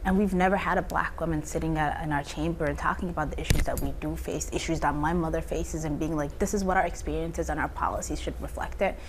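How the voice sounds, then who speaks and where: A woman's voice: deep voice, steady tone, fast talker, few pauses, background noise. A young woman from Somalia, a state senator, answering interview questions earnestly and building her points in lists.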